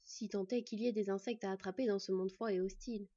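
A woman reading a fantasy story aloud in an even storytelling manner. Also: medium pitch, fast, slightly rough, no echo. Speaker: audiobook narrator. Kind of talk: scripted narration. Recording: dry, slightly dull.

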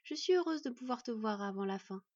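A woman voicing a gentle dying elf mother who speaks softly and tenderly in a storybook reading. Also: on the high side, normal speed, slightly rough, no room sound, highs cut off. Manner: soft, tender, sing-song.

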